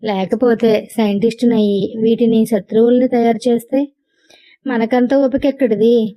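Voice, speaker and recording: Woman narrating a story, slightly high. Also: lo-fi sound. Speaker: audio novel narrator. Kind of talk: first-person story narration.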